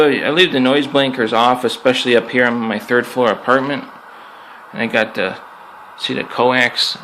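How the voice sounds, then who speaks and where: Recorded amateurishly in an apartment with poor audio and clear background noise, a man with a medium-pitched, fairly bright voice reviews gear as a hobbyist. This radio enthusiast and amateur reviewer keeps it plain, unscripted and chatty, often repeating himself to stress a point.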